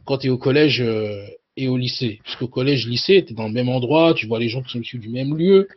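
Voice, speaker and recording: Speaking briskly at a medium pitch, this man in his thirties is a casual interview guest who rambles with plenty of hesitations and "you know" fillers. The audio is dry, dull, and lo-fi.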